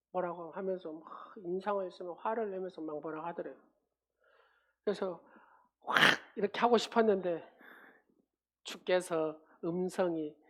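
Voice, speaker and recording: A woman's voice: fairly low pitch, a little mellow, lo-fi sound. A woman pastor preaching a sermon at a church service, driving her points home with repeated phrases and questions to the congregation.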